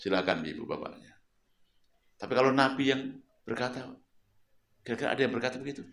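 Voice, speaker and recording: A man preaching a sermon at home, telling a story with lively questions to his listeners. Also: mid-range voice, brisk, creaky. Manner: lively storytelling, questions the audience and repeats words. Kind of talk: sermon to a local congregation. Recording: roomy echo.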